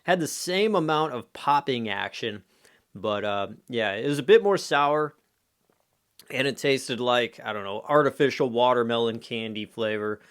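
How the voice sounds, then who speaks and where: A man's voice: mid-range voice, expressive, a little slow, a bit bright. A man giving a casual food review in a rambling, conversational way, often dropping in filler phrases like "you know". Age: adult. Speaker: candy reviewer.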